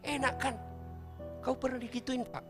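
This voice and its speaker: A man's voice: very high-pitched, level tone, normal speed, music in the background. A middle-aged man preaching a humorous sermon, teasing his listeners and speaking to them directly. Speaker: Islamic preacher.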